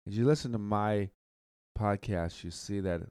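A man hosting a solo podcast, talking casually in a halting way, repeating words and stuttering now and then. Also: lowish voice, darkish tone, smooth, no echo, clean studio sound. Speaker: podcast host.

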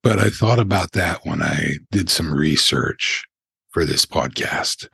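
Very deep gravelly-voiced older man. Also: unhurried, a bit bright, dry recording. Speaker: podcast host. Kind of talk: paranormal countdown narration.

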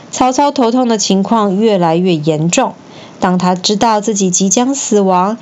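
Brief: woman storyteller, mid-pitched, clear expressive read-aloud for kids, dull recording with faint hiss. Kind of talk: children's story narration.

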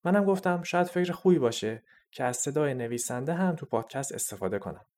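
A man's voice: on the high side, animated, darkish tone, a little hiss or hum. A man hosting a storytelling podcast, explaining the episode to listeners in a friendly, explanatory way. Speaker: podcast host. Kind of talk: scripted podcast introduction.

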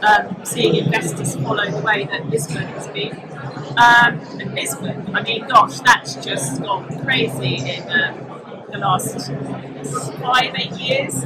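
A woman, a property journalist, chatting in an interview full of ums and restarts, on a low-quality live recording at a busy exhibition hall. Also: fairly even intonation, takes it slowly. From Britain. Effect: low-quality live recording with loud background noise. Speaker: property journalist, podcast guest. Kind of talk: casual interview chat. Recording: loud crowd noise from a live show.

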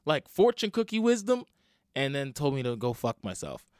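A man's voice: medium pitch, huge pitch swings, moderate pace, darkish tone, dry recording, studio quality. Self-deprecating man with a split, swollen lip. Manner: rambling, self-deprecating, swearing freely. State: swollen, bruised upper lip; tired and hungover. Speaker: podcast host and comedian. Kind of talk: casual solo comedy podcast chat. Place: at home in a basement.

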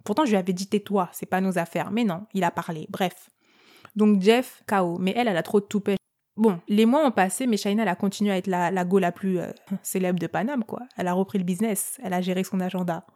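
Mellow-voiced young woman podcast host. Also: mid-range voice, fast talker. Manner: lively, chatty, with slang and fillers. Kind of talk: storytelling podcast.

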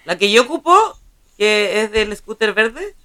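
A woman's voice: mid-range voice, lively intonation, measured pace, a bit bright. A young Chilean woman co-hosting a podcast, chatting casually with teasing, dry remarks. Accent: Chilean Spanish. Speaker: podcast co-host. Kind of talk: casual chat.

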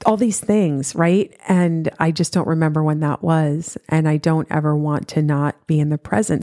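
Low-voiced woman podcast host, earnest. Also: dark tone, no echo, studio quality. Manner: earnest, emphatic, repeats key points. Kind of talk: motivational podcast monologue.

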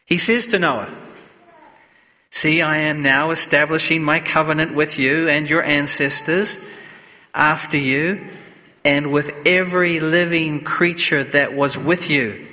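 Echoing, slow-spoken man preaching in church. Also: fairly high pitch, steady tone, pushed and bright. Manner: solemn, deliberate, measured phrasing. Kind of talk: sermon and scripture reading at Mass. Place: inside a church. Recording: long cathedral-like echo of a church.

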